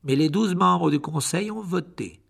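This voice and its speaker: A man's voice: a little high, a little slow, a bit bright, voice pushed up, full character voice. A man voicing a cold, scheming aristocrat with a silky, mocking way of speaking. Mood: menacing. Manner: silky, mocking, smooth-spoken.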